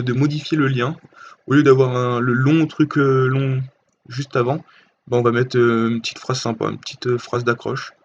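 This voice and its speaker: A man's voice: medium pitch, lo-fi sound, a little hiss or hum. Hesitant man walking through a screen tutorial. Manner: hesitant, many fillers and restarts. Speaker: tutorial host. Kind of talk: casual screen-recorded tutorial.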